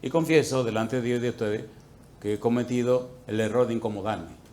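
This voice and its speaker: A man preaching a sermon to a congregation, telling a story with acted-out dialogue and swinging between loud outbursts and quiet asides. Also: medium pitch, a little fast, slight background noise. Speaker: pastor. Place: church, before a congregation.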